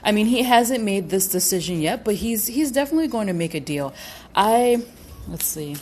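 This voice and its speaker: A woman giving a casual tarot reading to her viewers, halting and cautious, with many fillers and restarts. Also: mid-range voice, animated, darkish tone, slight background noise. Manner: cautious, hedging with repeated qualifiers. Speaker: tarot reader.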